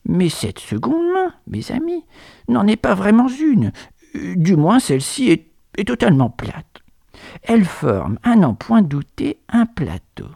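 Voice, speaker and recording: A man tells a whimsical story in a gravelly voice with a wide, swooping melody. His delivery is theatrical, dipping into whispers at moments, in a dry, close sound. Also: high voice, huge pitch swings, a little slow, dark tone, no echo. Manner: theatrical, drops to whispers for effect. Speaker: chronicler.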